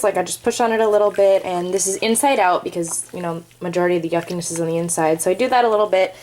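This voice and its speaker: A woman's voice: lowish voice, darkish tone, low-quality recording. A young woman, a parent, chatting casually through an unscripted how-to demonstration at her kitchen sink, explaining as she works with plenty of fillers. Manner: chatty, lots of fillers, explains while working. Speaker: parent showing cloth diapering care.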